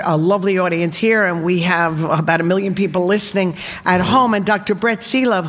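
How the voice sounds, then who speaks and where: A woman hosting a live radio show from a reception hall, chatting with her guests and steering them with leading questions. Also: lowish voice. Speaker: radio talk show host. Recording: long hall reverb from live venue.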